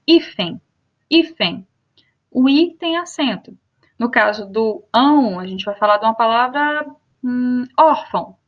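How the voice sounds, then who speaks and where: A young woman with a Brazilian Portuguese accent teaches a grammar lesson, saying each example word slowly and clearly. Her pitch is fairly high, and the recording sounds muffled.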